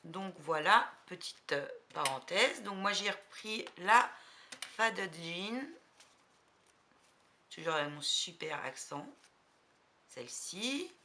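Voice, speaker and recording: A woman with a slight cold chatting casually about crafting supplies, unhurried and hesitant, with many fillers. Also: on the low side, sharp tone, slight background noise. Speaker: crafting vlogger. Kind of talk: casual haul chat.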